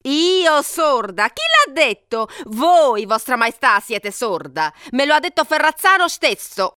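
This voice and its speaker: A shrill, haughty queen who shouts her words, as a man puts her on. The voice leaps high and swings widely in pitch, with a timbre far from his own. A storybook figure, acted with broad comic energy. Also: big pitch swings, measured pace, smooth, dry recording, studio quality. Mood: shouting.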